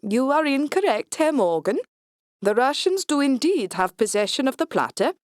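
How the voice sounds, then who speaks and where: A woman's voice: high voice, very animated, moderate pace, no echo, studio quality, pitched above the performer's own voice. A woman voicing a pompous Swedish-accented Nazi commander. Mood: coldly superior. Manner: stiff, formal, commanding. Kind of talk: audiobook character voice.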